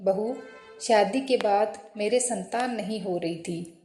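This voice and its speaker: A woman voicing a kind, devout old mother-in-law in a spoken storybook tale, gently pleading. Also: mid-range voice, slow pace, faint music behind, lightly acted. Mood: gentle. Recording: roomy echo.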